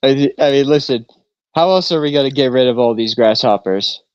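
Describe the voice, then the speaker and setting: A man's voice: mid-range voice, brisk, clear, resonant tone, no echo, highs cut off. A man co-hosting a casual podcast in a small studio, talking in a laid-back, profane way and laughing easily. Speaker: podcast co-host. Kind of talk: casual stoner chat.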